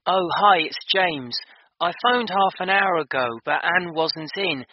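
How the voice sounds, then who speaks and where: A man with a husky voice, politely asking for someone over a landline phone. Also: sits high, a little slow, no echo. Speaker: caller. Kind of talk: scripted listening exercise dialogue. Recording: muffled dry phone line.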